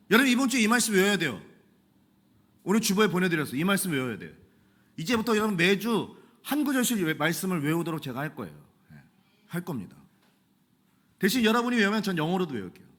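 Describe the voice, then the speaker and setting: A male pastor preaching a sermon in a church, animated and joking in a conversational way. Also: sits high, fast talker. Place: church sanctuary.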